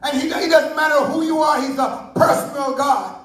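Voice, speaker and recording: A man preaching a Sunday sermon, fervent and breaking into shouts. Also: extremely high pitch, steady tone, moderate pace, far from the mic. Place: church sanctuary. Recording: very echoey church hall, heard from afar.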